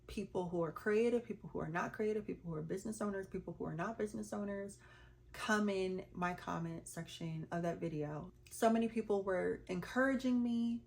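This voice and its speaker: A woman vlogger from the United States telling a candid personal story in an earnest, heartfelt, chatty way. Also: mid-range voice. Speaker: vlogger and small business owner.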